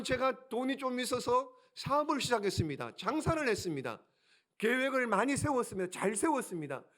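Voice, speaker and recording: A man with a very high speaking voice delivers a sermon at a church prayer service. He preaches emphatically, firing rhetorical questions and repeating key lines. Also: a bit bright. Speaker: pastor.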